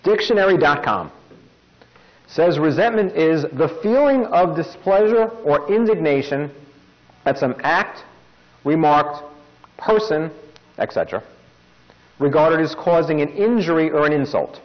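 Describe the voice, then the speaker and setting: Lively wry man. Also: fairly high pitch, unhurried, pauses often. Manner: wry jokey asides, lively delivery. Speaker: podcast host. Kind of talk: informal self-help talk. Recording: dull lo-fi recording.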